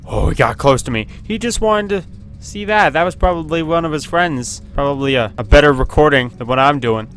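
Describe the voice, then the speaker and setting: This gaming video host, medium-pitched, plays a video game at his home computer with a webcam. His commentary is casual and excitable, full of frequent laughter and yelps at in-game events.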